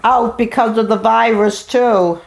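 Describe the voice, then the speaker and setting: A woman's voice: on the high side, fairly even intonation, measured pace, vocal fry. An older woman talks casually in a family phone conversation, rambling and repeating herself. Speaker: mother on a family phone call.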